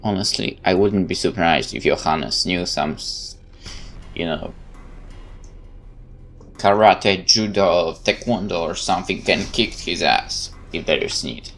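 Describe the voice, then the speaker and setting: Deep-voiced and a bit bright, this gaming YouTuber takes his time. He narrates a visual novel in a let's play, layering in casual, wry commentary as game music plays in the background.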